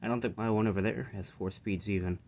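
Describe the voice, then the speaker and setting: A vlogger with a lowish voice and fairly even intonation talks quickly while showing off his vintage reel-to-reel tape recorder. Filmed on a handheld phone, the audio has the highs cut off and a little hiss or hum, and his unscripted talk rambles and breaks off.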